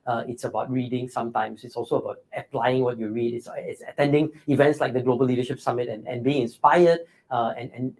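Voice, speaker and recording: An encouraging male host leads a live leadership interview at a mid pitch. He affirms his guest's points warmly and reads viewer comments aloud, with plenty of fillers. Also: low-quality recording.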